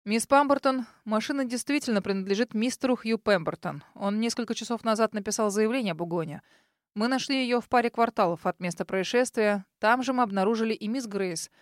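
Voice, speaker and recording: A woman's voice: on the high side, no echo, studio quality, natural voice. Woman reading as a formal police officer. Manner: formal, measured. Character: middle-aged male police officer, reserved, formal.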